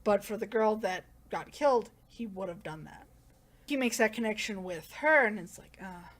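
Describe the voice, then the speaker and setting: A woman's voice: mid-range voice, moderate pace. A woman giving a casual, rambling plot recap as a manga reviewer, with lots of "like" and self-corrections.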